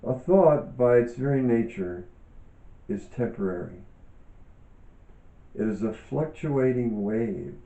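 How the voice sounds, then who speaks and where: In a dull recording with noticeable room echo, a yoga teacher reads reflective self-help passages he wrote himself. His mid-range voice is animated yet very soft-edged and dark. He takes it slowly, leaving frequent pauses between short phrases.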